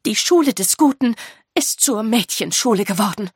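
A woman voicing a calm, grave older female teacher who explains in a measured, earnest way. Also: mid-range voice, slightly rough, dry recording, studio quality.

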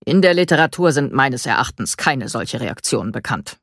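A woman's voice: extremely low pitch, very animated, normal speed, vocal fry, no echo, clean studio sound, heavily acted. A woman voicing a stern, evasive male veterinarian who speaks in a curt, lecturing way.

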